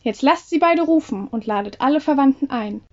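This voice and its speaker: A woman's voice: high-pitched, expressive, brisk, lo-fi sound. A woman reading a fairy tale, voicing a confident young male craftsman in an earnest, declaiming way.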